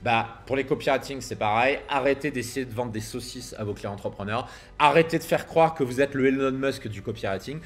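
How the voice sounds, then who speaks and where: A man's voice: mid-range voice, a little fast. A man coaching copywriters in a casual monologue to camera, filmed outdoors at sunset. He speaks in a punchy, emphatic way, with slang and the odd swear word. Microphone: camera filming himself.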